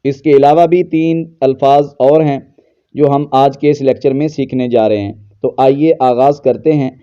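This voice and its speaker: A man with a deep, mellow and smooth voice teaches Quran pronunciation. He explains patiently and then chants verses slowly as examples. The recording sounds dull and a little lo-fi. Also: steady tone. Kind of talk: tajweed lesson with recitation.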